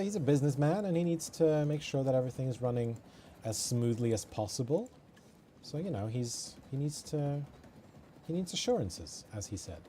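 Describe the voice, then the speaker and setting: A Norwegian man, whose first language is Norwegian, plays a video game on stream and chats casually, muttering and joking at himself. His mid-range voice has a dark tone, with a little hiss or hum in the recording.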